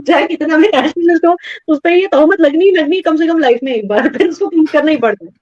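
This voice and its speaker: A woman from Kashmir, appearing as a guest, argues her point earnestly and emphatically, using homely examples in a conversational way. Her voice is high-pitched, fast, and a little mellow, with no echo, and the audio is dry and slightly muffled.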